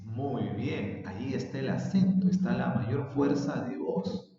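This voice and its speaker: Teacher in a roomy, echoing room. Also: male voice, medium pitch, mellow. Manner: patient, explanatory, drawn-out example words. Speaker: secondary school language teacher. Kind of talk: recorded remote lesson. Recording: dull, roomy, distant with long reverb.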